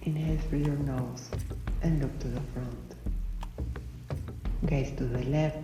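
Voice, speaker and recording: Very low-voiced woman guiding a breathing exercise. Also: steady tone. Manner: measured, instructional, short pauses between phrases. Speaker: breathwork instructor. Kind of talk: scripted guided breathing exercise narration. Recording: roomy, distant voice under loud music. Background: loud music.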